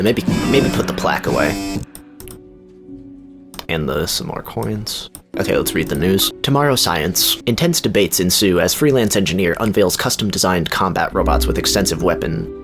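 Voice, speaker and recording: A man with a very deep voice giving casual let's-play commentary. He is chatty, laughs often and reads the game's text aloud. Game music plays clearly underneath his voice. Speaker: gaming YouTuber.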